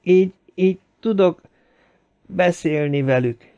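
Férfi által felolvasott kábult, nyugodt férfi. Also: male voice, sits high, warm tone, clear, resonant tone, highs cut off, pitched above the performer's own voice, lightly acted. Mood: dazed. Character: calm, dazed man speaking with spirits.

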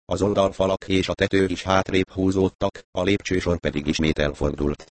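A man narrating a novel in a steady, even storytelling manner. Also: deep voice, slight background noise. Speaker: audiobook narrator. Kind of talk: scripted narration.

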